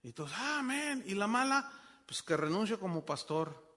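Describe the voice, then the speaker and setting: Animated Mexican pastor, bright ringing voice. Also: male voice, sits high, normal speed. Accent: Mexican Spanish. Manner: animated, swings from loud exclamations to soft asides. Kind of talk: sermon. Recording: long hall reverb.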